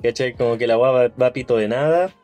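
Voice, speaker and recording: A man's voice: mid-range voice, quick pace, a little mellow, soft background music. A young man with a Chilean accent in a casual podcast chat, crude and joking, laughing often. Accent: Chilean Spanish.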